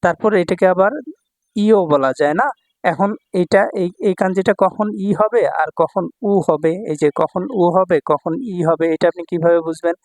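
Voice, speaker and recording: A man's voice: high voice, moderate pace, a little mellow, no room sound. A male Japanese language teacher explaining kanji patiently, repeating words and often checking that students follow. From Bangladesh.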